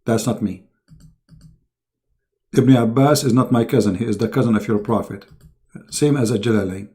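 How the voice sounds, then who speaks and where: Stream host, male, mellow dark voice gone hoarse, coughs and clears his throat a lot. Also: mid-range voice, moderate pace. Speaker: online debate host. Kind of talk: live-stream talk to viewers.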